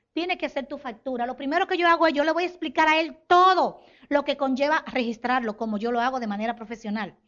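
A woman from the Republic, giving an animated business talk to an audience and acting out sales conversations. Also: high voice, highs cut off. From Dominican Republic. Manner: animated, acts out sales dialogues, addresses audience as señores. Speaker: network marketing business speaker.

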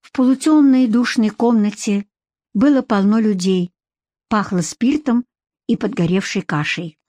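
A woman narrating an audiobook with an even, measured read. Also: mid-range voice, dry recording, clean studio sound. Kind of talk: scripted narration.

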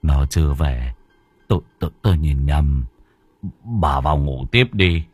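A man's voice: fairly high pitch, expressive, very slow, fairly bright tone, no echo, pitched above the performer's own voice, exaggerated voice. A man doing an anguished old father in his sixties. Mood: subdued. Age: 60s. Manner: anguished crying out, stammering. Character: grieving old father, anguished, war veteran.

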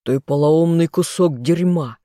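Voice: medium pitch, fairly even intonation, moderate pace, dark tone, dry recording, studio quality, close to an everyday voice. A reader voicing a proud, protective elf nobleman in a fantasy audiobook. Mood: angry.

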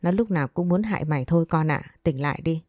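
Woman voicing a scheming middle-aged mother, blunt, scolding, low mellow voice, dry sound, soft music behind. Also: fast talker, no room sound, close to an everyday voice.

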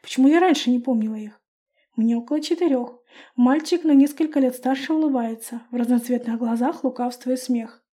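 High, mellow woman narrating an audiobook. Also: brisk. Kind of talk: first-person fantasy audiobook narration.

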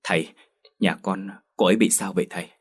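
Brief: man as pleading, tearful young son, low husky voice. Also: fairly even intonation, fairly quick. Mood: anxious. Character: remorseful young man begging forgiveness.

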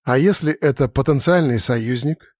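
A man's voice: mid-range voice, moderate pace, a little mellow, dry recording, studio quality, natural voice. A man voicing a cheerful, easygoing male mage who speaks with amusement in an audiobook. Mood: amused. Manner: jovial, amused. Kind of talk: audiobook character voice.

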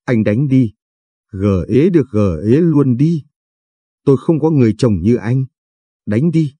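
A man's voice: medium pitch, lively intonation, measured pace, husky, no room sound. A man voicing a furious, heartbroken young wife who hurls accusations at her husband. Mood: enraged. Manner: shouting accusations.

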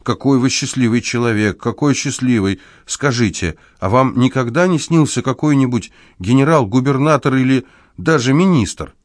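A man's voice: medium pitch, normal speed, dry recording, clean studio sound, voice pushed up, close to an everyday voice. A man voicing a fussy, fearful old man who whines and frets. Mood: eager. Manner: whining, plaintive, agitated.

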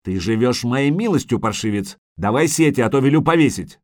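A man's voice: mid-range voice, lively intonation, a little fast, a little mellow, no room sound, clean studio sound, close to an everyday voice. A man playing a haughty, hot-tempered prince who talks in a barking, imperious way. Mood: imperious, angry.

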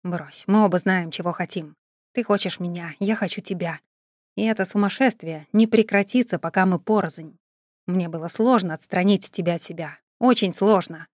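A woman reading an audiobook voices a jailed scheming man who talks in a low, hushed murmur. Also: moderate pace, no echo, studio quality, natural voice. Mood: hushed urgent.

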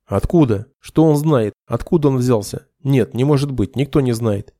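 A man's voice: medium pitch, moderate pace, warm tone, no room sound, studio quality, close to an everyday voice. A man voicing a vicious, contemptuous retired major of noble birth, in an audiobook reading. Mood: guarded. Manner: snarling, contemptuous.

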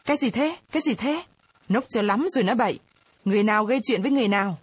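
A woman's voice: medium pitch, animated, very fast, slightly rough, no room sound. A woman reading aloud, voicing a haughty male district chief who gives orders imperiously. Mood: startled.

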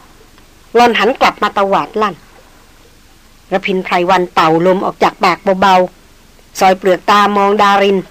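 A woman narrating a novel as an audiobook in a steady, measured way. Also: medium pitch, poor audio. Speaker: audiobook reader.

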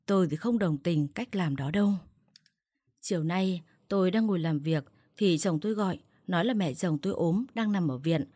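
Woman reading a family drama story, husky low voice, dry close mic. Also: normal speed, mellow, no room sound. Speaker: narrator. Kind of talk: scripted first-person storytelling.

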